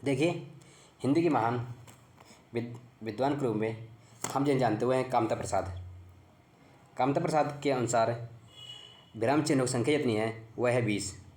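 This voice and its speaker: A man's voice: mid-range voice, darkish tone. Echoey male Hindi grammar teacher. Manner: repeats key points as quiz questions to the viewer; halting, with frequent restarts. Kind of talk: exam-prep grammar lesson. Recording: echoey room.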